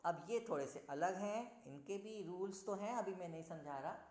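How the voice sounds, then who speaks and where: A male teacher giving a Hindi grammar lesson, patiently sounding out letters slowly and clearly and explaining them with everyday examples. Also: high voice, a little mellow, roomy sound.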